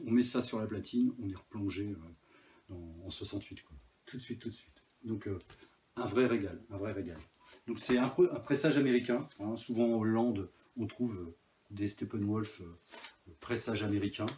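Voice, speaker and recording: A man's voice: on the low side, darkish tone. A man casually talking about his new vinyl records, enthusiastic and hesitant, with many fillers. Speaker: vinyl collector vlogger. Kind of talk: casual chat.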